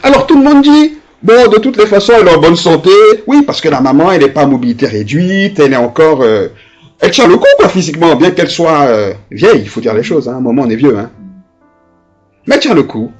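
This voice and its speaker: A man's voice: a little high, big pitch swings, quick pace, darkish tone, faint music behind. A man preaching a conversational sermon as pastor. He hesitates and restarts often and acts out the voices of people in his stories.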